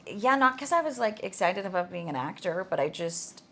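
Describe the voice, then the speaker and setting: A young woman from Canada, chatting as a guest in a relaxed way full of "like" fillers. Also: medium pitch, fairly quick, slight background noise. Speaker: guest actor. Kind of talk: casual interview chat.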